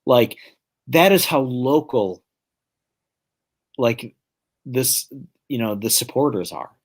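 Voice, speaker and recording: A man from the Detroit area co-hosting a live football chat. He speaks loosely and hedges often, sprinkling in "like" and the odd swear word. His voice has an ordinary male pitch. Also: expressive, slow. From Detroit area, United States. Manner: casual, hedging, swears, many fillers like "like". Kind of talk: casual live-stream chat.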